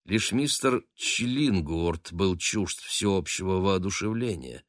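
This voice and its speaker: A man narrating an audiobook in a measured, even storytelling manner on a close mic. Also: deep voice, no echo.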